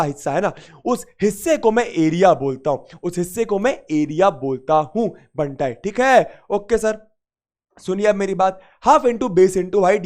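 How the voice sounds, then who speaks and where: A young man with a high voice teaches maths in a live online class, lively and repetitive. He coaxes his students along with playful asides, though his throat sounds slightly sore.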